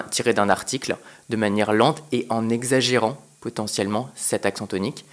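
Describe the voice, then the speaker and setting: A man guest on a podcast explaining English pronunciation fluently, like a teacher. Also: mid-range voice. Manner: clear, fluent, didactic.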